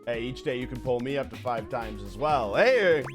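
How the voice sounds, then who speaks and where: A man streaming a game with casual, jokey commentary, reacting in an animated way. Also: mid-range voice, normal speed, music in the background. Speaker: gameplay streamer.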